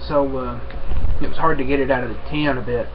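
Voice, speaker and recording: A young man chatting casually to camera at home in an unhurried, halting, rambling way. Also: medium pitch, steady tone. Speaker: vlogger, pipe smoker. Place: small room at home, indoors. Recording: dull webcam audio with faint noise.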